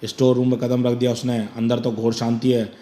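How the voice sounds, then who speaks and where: A man's voice: medium pitch, little pitch movement, a little fast, dark tone. A man narrating a horror comic with dramatic emphasis.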